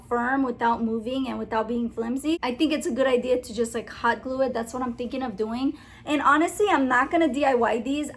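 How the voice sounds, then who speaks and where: A young woman with a notably high voice talks through her shopping haul. She is chatty and gushing, with a casual, friendly pace. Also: a bit bright. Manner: chatty, enthusiastic, giggly over a tongue-twister. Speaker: haul vlogger. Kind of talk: casual haul video chat.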